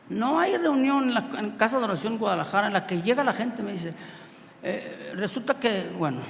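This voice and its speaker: A Mexican preacher tells a story from the pulpit, his gravelly voice jumping between shouted lines and hushed, chuckling asides. His words ring out in a big hall with a long tail of reverb. A faint hiss sits under the recording. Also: high voice. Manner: animated, swings from loud outbursts to quiet asides, laughs often. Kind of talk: storytelling sermon.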